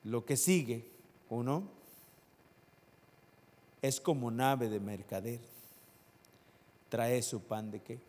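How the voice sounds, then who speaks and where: A man preaching a sermon to his congregation, asking rhetorical questions and swinging between loud and soft. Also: mid-range voice, slow, pauses often. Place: church hall. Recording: long hall reverb.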